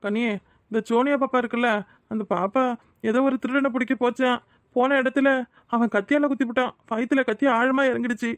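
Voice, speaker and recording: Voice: mid-range voice, steady tone, brisk, no room sound, lightly acted. A performer voicing a blunt, scolding older village uncle in a cartoon, with a Tirunelveli Tamil accent. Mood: grave. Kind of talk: cartoon voice acting.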